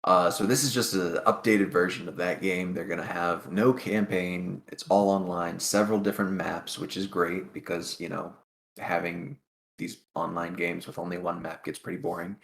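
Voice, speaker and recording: A man's voice: low-pitched, level tone, moderate pace, vocal fry, fairly bright tone. A man co-hosting a gaming podcast in casual chat, dry and teasing. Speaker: podcast co-host.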